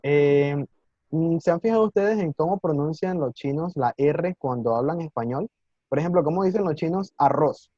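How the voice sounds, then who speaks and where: A patient, encouraging man leads a live online Mandarin lesson, pausing often to check that his students follow along. His voice is dark and mellow, with a fairly high pitch for a man. It comes through as dry, dull call audio with no room sound. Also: no room sound. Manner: patient, encouraging, explains slowly with many "¿sí?" checks; sounds out Mandarin words slowly and clearly. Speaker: Mandarin teacher. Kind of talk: live online language class.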